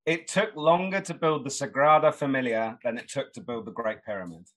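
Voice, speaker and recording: A man's voice: mid-range voice, a little fast, fairly bright tone, poor audio. A man co-hosting a podcast, sharing trivia in a joking, self-deprecating way. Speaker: podcast co-host. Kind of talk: casual podcast chat.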